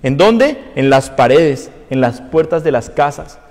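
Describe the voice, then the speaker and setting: A man preaching a sermon as pastor of his church, impassioned, reading scripture aloud and dropping into quieter asides. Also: medium pitch, steady tone, a little slow, big-room sound. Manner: impassioned, swinging between loud reading and soft asides.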